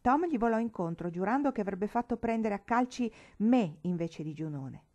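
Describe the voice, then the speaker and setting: A woman reading a classic novel aloud as an audiobook, narrating in first person in a measured, expressive way. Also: mid-range voice. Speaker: audiobook reader.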